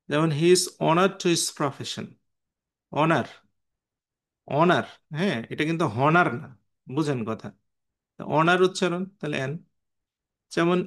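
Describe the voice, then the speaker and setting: Guy teaching an online class, bit high voice, patient, keeps asking students stuff. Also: a bit bright. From Bangladesh. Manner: explains patiently, often quizzing students by name.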